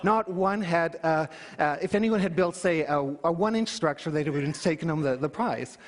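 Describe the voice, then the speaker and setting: A man giving a public talk, telling it in an animated way with emphatic rhetorical questions. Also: a little high, normal speed. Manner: animated storytelling, emphatic question-and-answer delivery. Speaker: conference speaker. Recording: hall reverb.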